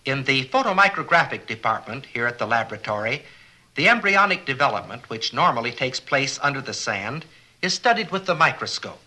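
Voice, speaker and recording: A man's voice: medium pitch, big pitch swings, brisk, pushed and bright, rough recording. A man giving scripted educational documentary narration in an earnest, explanatory way, often posing rhetorical questions. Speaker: film narrator.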